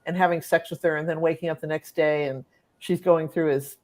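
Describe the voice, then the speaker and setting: A woman's voice: low voice, steady tone, brisk, darkish tone. A woman from Ohio speaking casually as a regular panelist in a political discussion.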